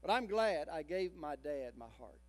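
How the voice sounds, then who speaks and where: Older man, pastor, sermon, high voice, dramatic storytelling, long church reverb. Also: animated, moderate pace. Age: 60s. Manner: dramatic storytelling, swinging from loud emphasis to hushed tones. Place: church sanctuary.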